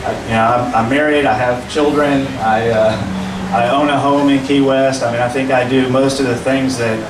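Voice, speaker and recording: A man in his forties speaking as a judicial candidate at a public forum, measured and earnest, with fillers when answering questions. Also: mid-range voice. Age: 40s. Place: meeting room at a public forum. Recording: roomy, distant, noisy room recording.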